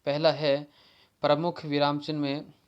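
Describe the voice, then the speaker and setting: A man teaching an exam-prep grammar lesson with a tinge. His voice sits a little high and stays fairly level in pitch. He repeats key terms and often pauses to restart a word. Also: little pitch movement, clean tone, dull audio.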